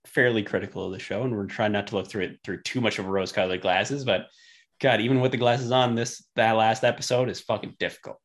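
A man's voice: lowish voice, fairly even intonation, a little fast. A man co-hosting a casual chat podcast, laughing easily and chiming in with short agreeing replies. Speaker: podcast co-host.

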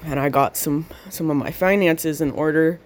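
A woman's voice: low voice, fairly even intonation, a little mellow, slight background noise. A woman talking close into a handheld voice recorder for her audio diary, rambling and swearing freely. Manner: rambling, profane, slow with long pauses. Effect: handheld voice recorder held to the mouth. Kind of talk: casual spoken audio diary.

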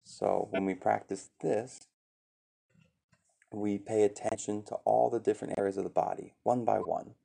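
Low, gravelly, calm male meditation guide. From USA. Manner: slow, gentle, with fillers. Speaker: meditation teacher.

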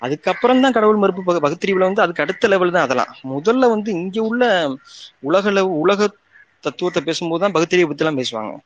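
In an online audio discussion about politics, a man talks casually in a high, expressive voice at a fast clip. He explains things earnestly, often restarting and repeating his phrases, and the audio sounds dull.

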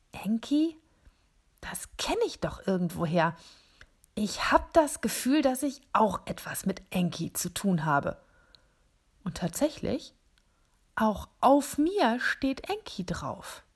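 A woman narrating a first-person children's story in a calm, deliberate way. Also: mid-range voice.

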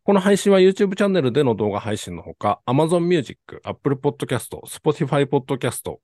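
A man's voice: on the high side, sing-song, normal speed, a little mellow, dry recording, clean studio sound. A man hosting a car talk podcast, speaking in very polite, formal, announcer-like phrasing. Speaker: podcast host.

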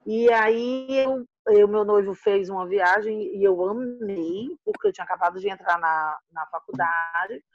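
Lively woman from Ceará telling her story. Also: medium pitch, unhurried, dry recording, dull audio. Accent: Northeastern Brazilian, from Ceará. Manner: animated, laughing, acts out quoted voices. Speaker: interviewee, mother and activist. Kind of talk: casual storytelling interview.

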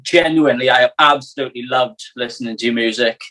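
Male podcast host, South Wales accent, mid pitch, chummy, casual interviewing style. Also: fast talker, sharp tone. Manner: matey, informal, encouraging.

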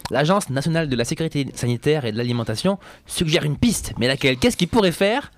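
Playful man hosting, very lively pitch. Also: fast, a little hiss or hum. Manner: playful, teasing. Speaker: host of a comedy quiz. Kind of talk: joking radio banter.

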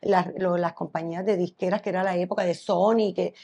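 Brief: middle-aged female stylist, interview guest, animated and emphatic, fast talker. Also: fairly low pitch, creaky, slightly rough. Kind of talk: casual interview chat.

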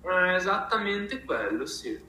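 A man speaking emphatically and expressively in a casual interview, with halting phrasing and repeated words. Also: high voice, very animated, pushed and bright. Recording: roomy, echoing sound.

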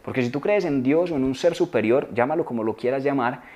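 A man's voice: mid-range voice, fast, darkish tone. Earnest man giving life advice. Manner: earnest, coaching, repeats key phrases for emphasis. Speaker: motivational video maker. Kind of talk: motivational self-help talk to camera.

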